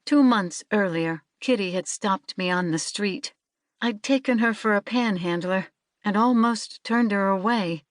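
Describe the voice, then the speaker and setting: A woman narrating a novel in the first person, in a measured, steady way. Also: mid-range voice, dry recording, studio quality. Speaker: audiobook narrator.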